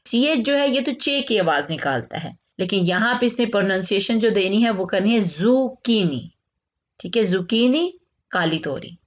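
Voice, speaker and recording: A woman teaching a slow vocabulary lesson, repeating each word and asking quick check questions. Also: medium pitch, animated, dull audio.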